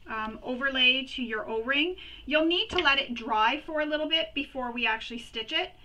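Woman, sewing lesson host, step-by-step instructions, bright tone, mic a bit far off. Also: high voice, slight background noise. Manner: chatty and practical, pauses while working.

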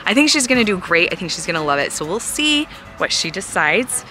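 A woman's voice: fairly low pitch, big pitch swings, a little fast, music in the background. A woman in her thirties with a North American accent, chatting casually as a vlogging mother on a handheld camera. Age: 30s. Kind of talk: casual vlog chat. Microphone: handheld vlog camera.

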